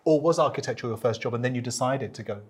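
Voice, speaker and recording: A man's voice: mid-range voice, quick pace, husky. A man hosting an interview as a professor, introducing his guest formally and reacting with enthusiastic interjections. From England, half English. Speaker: host, professor.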